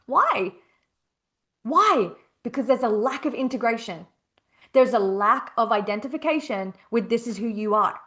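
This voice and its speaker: Speaking at a measured pace in a voice that's a little high, a young adult woman runs a casual solo podcast as a coach. She swears freely, repeats phrases, and delivers everything emphatically and expressively.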